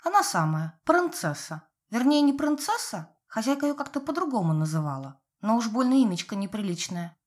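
A woman's voice: on the high side, big pitch swings, fairly quick, hardly any pauses, darkish tone, pitched above the performer's own voice. A woman voicing an elderly village neighbour, blunt and nosy, in folksy rustic speech, in an audiobook. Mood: gossipy.

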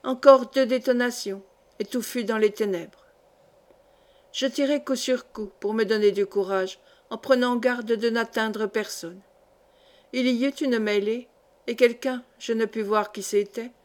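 A woman narrates a classic short story in a steady, measured reading. Her voice sits fairly high, with even storytelling pacing. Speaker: audiobook reader. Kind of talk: literary narration.

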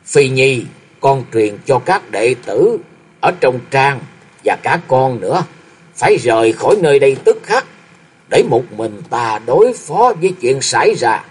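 Man doing a stern old martial arts master, half-paralysed, grave, commanding, husky, storybook reading. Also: mid-range voice, very animated, unhurried.

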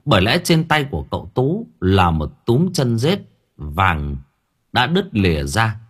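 A man narrating a serialized novel for an audiobook in an expressive storytelling manner. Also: on the low side, unhurried, husky.

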